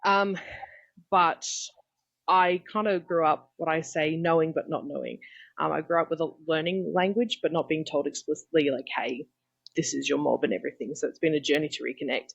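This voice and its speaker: A woman's voice: low voice, steady tone, fairly quick, creaky, slightly rough, highs cut off. Chatty Australian woman on a call. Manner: chatty, laughing, frequent "um" and "like". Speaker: podcast guest. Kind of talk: casual chat. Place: home room. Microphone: video call.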